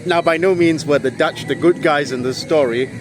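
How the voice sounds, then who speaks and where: A young man with a slightly high voice explains history to camera at normal speed, earnest and lecturing, leaning on key words. This history vlogger holds his phone at arm's length in a town square lined with old buildings, with faint street noise and passing vehicles behind him.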